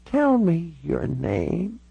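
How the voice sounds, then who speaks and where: A gentle, confused old Canadian woman of ninety-six drifts through her words in a high, slow, quavering voice, as a man reads her in an audiobook. The sound is husky and dry, close to the mic. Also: huge pitch swings, no echo, highs cut off, full character voice. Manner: drawn-out, wandering speech. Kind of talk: audiobook character voice.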